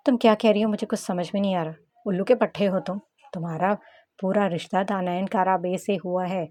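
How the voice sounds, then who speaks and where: A woman's voice: mid-range voice, fairly even intonation, a little fast, dark tone, no echo, natural voice. A woman reading the lines of a bold, teasing younger sister in an audiobook story. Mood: scolding. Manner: coaxing and scolding.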